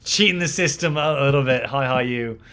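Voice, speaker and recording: A young man hosts a live mixing stream, talking casually in a medium-pitched voice that is brisk, bright and forceful, with a clear, resonant tone. As a mixing engineer chatting on his livestream, he rambles with plenty of fillers and repeated words.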